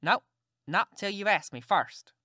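A woman's voice: medium pitch, lively intonation, unhurried, pushed and bright, slightly rough, no room sound, clean studio sound, pitched above the performer's own voice, exaggerated voice. A woman voicing Tom Sawyer, a cheeky Southern boy who talks in a polite, mock-innocent drawl.

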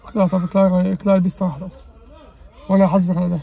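Agitated young Egyptian man, high voice. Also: flat delivery, racing, gravelly, mellow, husky, a faint crowd. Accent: Egyptian Arabic. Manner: agitated, scolding, swearing oaths. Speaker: husband in a prank video. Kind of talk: casual heated argument. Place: outdoors on a street.

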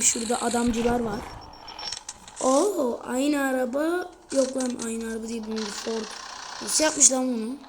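A woman with a somewhat high voice talks her way through a driving game in quick, chatty bursts, calling out to her viewers as she plays. Her tone is excitable and casual. Noisy game sound runs loud under her voice. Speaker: gaming video creator. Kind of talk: casual gameplay commentary.

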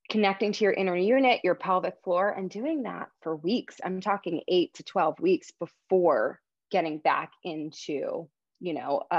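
A woman's voice: mid-range voice, no echo, dull audio. A young pregnant woman, a fitness trainer, giving earnest advice in a casual interview chat.

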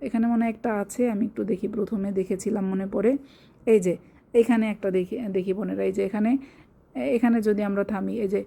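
Mellow-voiced woman teaching recitation rules. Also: mid-range voice, fairly even intonation, quick pace, vocal fry. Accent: Bangladeshi Bengali. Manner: patient explaining with check-ins to listeners. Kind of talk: online tajweed lesson.

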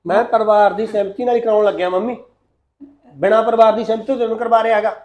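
A man's voice: high voice, little pitch movement, a little mellow, natural voice. A man playing a young police officer who argues insistently with his mother about his marriage. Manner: insistent, pleading, fast talk. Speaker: son and police officer in a short film. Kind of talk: amateur village family drama acting.

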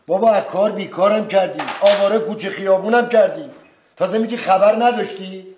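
An actor playing an exasperated man with an odd, high squeaky voice, nagging for his money in a sitcom. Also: background noise, natural voice. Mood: indignant. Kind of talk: TV sitcom acting.

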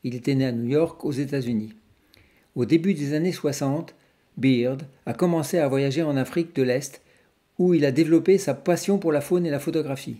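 A man, presenting a book for sale in an informal, halting way as a bookseller. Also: on the high side, mellow. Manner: halting, informal, pauses to search for words.

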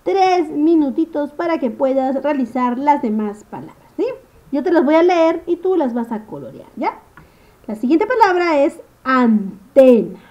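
A woman teaching a first-grade phonics lesson to young children. She talks slowly in a sing-song way, stretches out words and keeps checking in with the class. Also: sits high, sing-song, warm tone, highs cut off. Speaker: primary school teacher.

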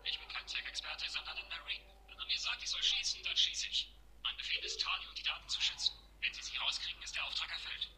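A man's voice: on the high side, expressive, quick pace, sharp tone, full character voice. A man voicing a male marine in a video game who is pinned down and calling for help over a sci-fi radio communicator, in clipped military speech. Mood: terse. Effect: sci-fi radio communicator transmission. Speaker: game character. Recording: noisy crackling radio channel.

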